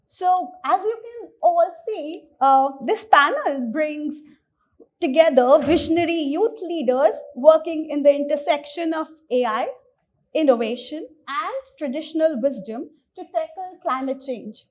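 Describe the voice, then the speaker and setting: A woman moderating a panel discussion, measured and formal, with some fillers. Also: sits high, expressive.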